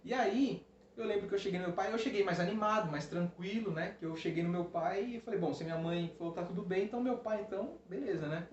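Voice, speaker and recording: A man casually telling a personal story to the camera, animated, with many restarts and "né?" tags. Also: high voice, fast. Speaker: co-host, husband. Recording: roomy, dull lo-fi sound with faint hiss.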